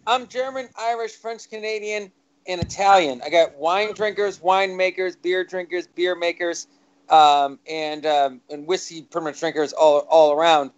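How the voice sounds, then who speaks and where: A man's voice: sits high, moderate pace. A man hosting a live talk show, asking questions in a jokey, rambling way with many fillers. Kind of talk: casual chat. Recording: dull lo-fi sound.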